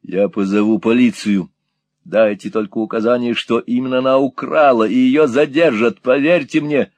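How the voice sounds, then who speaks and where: A man's voice: medium pitch, normal speed, darkish tone, dry recording, close to an everyday voice. A man playing a cold scheming schemer. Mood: stern.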